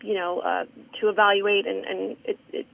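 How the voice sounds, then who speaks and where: A woman's voice: medium pitch, level tone, normal speed, creaky. A woman calling in by phone to a council meeting, speaking earnestly with many ums and restarts. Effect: phone call. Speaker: public comment caller. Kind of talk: public comment. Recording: tinny phone line.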